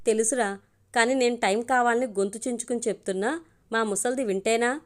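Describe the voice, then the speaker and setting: A woman's voice: on the high side, brisk, lightly acted. A woman voicing an anxious young man pleading with his best friend, in a storybook reading.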